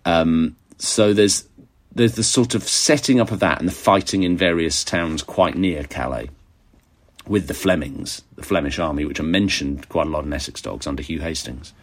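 A very low-voiced man chats casually as he answers questions from his readers. His voice is croaky and hoarse with a cold, sinking into vocal fry. The delivery is wry and self-mocking, like an author talking informally to followers. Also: normal speed.

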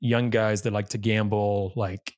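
With a fairly low, slightly mellow voice, this Massachusetts-area podcast host delivers his lines flatly at a measured pace. He rambles casually through an interview chat, leans hard on "like," and keeps restarting his sentences. The studio recording is clean with no room sound.

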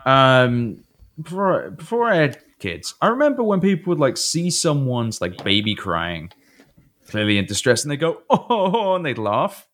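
A man in casual podcast chat, ranting with lots of swearing and dark, sardonic jokes. His pitch moves widely as he gets worked up. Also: sing-song, normal speed. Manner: profane, ranting, sardonic humor. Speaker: podcast co-host.

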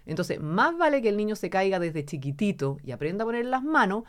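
A woman's voice: medium pitch, big pitch swings, a little fast. A middle-aged woman with a Chilean Spanish accent, a podcast guest who talks casually and acts out quoted voices as she tells stories.

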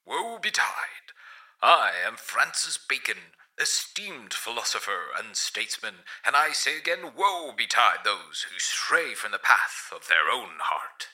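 A man voicing a hammy showman in costume who bellows pompously in a fake English accent with a raspy voice. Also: mid-range voice, big pitch swings, measured pace, pushed and bright, pitched above the performer's own voice, full character voice, rough recording. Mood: grandiose. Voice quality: raspy, amplified through headset mic. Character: hammy man playing Francis Bacon, bellowing.

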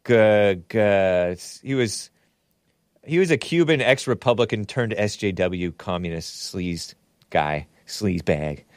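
A man's voice: fairly low pitch, lively intonation, slow, no echo. Casual male live streamer, dry close sound. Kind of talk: casual live stream monologue, reading and answering viewer messages.

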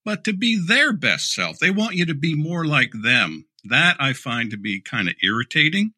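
Middle aged guy, super bright voice, frank and a bit sarcastic, stumbles and restarts a lot. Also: a little high, very animated, moderate pace. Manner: candid, dryly sarcastic, repeats words when restarting. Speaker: leadership speaker and guest. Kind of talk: conversational interview answers.

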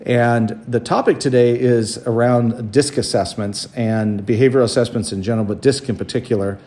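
A man hosting a conversational podcast interview at home, feeling his way through sentences in a halting manner. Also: medium pitch, fairly even intonation, dark tone. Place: home dining room.

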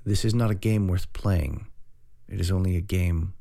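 A man voicing a towering, formal male consultant who speaks in calm, measured, precise sentences. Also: deep voice, vocal fry. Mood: calm, dry.

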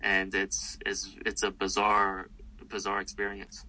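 The audio is poor as a comedian guest with a low voice talks at a measured pace in a casual interview. Even so, he's animated and rambling, with many fillers and restarts.

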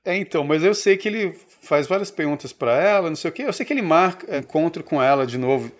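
Fast-talking animated Brazilian man. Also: a little high. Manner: animated storyteller, acts out quoted voices. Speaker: podcast co-host. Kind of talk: casual storytelling chat.

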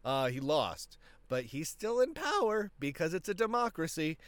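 Animated man with a throat tickle. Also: fairly high pitch, normal speed, no echo. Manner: animated, talks with frequent restarts. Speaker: podcast host. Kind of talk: casual political commentary monologue.

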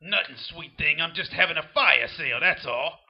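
An actor playing a small, lecherous demon shopkeeper with a gravelly voice and sarcastic wise-guy talk in a comic fantasy audio drama. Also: fairly high pitch, moderate pace, dull audio. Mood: leering, flirty. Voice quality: raspy, gravelly.

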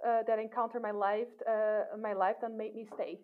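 A woman's voice: a little high, level tone, moderate pace, slight background noise. A woman researcher being interviewed, talking thoughtfully with frequent restarts. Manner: thoughtful, with many restarts and fillers. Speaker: guest, cognitive science researcher. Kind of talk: casual interview talk. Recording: tinny phone-like call audio.

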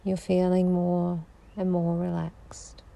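A woman leads a guided sleep meditation, speaking slowly and soothingly and often sinking into a whisper. Her low voice is mellow and even, with a gravelly edge. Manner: slow, soothing, drifting into whispers.

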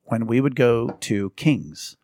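A man's voice: takes it slowly, no echo, studio quality. A middle-aged man, telling stories as a podcast host in casual chat. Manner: animated storyteller, jumps high on quoted lines.

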